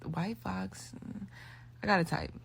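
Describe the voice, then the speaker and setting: A woman's voice: medium pitch, steady tone, a little slow, vocal fry, a little hiss or hum. A woman in her twenties rambling in a phone video monologue, full of "like" fillers. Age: 20s.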